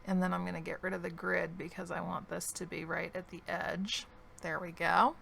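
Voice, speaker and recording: A woman's voice: on the low side, flat delivery, creaky, fairly bright tone, a little hiss or hum. A woman commentating her own game as she plays, thinking aloud and losing her voice a little. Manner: slow, thinking aloud while playing. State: losing her voice, clearing her throat. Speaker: gaming video creator. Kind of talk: relaxed let's-play commentary.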